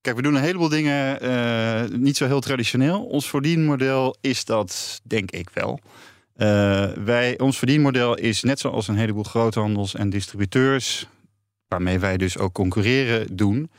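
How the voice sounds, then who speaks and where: A man's voice: mid-range voice, normal speed, dry recording, clean studio sound. A man being interviewed about his company, talking with many fillers and restarts. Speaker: company founder as guest. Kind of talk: business interview.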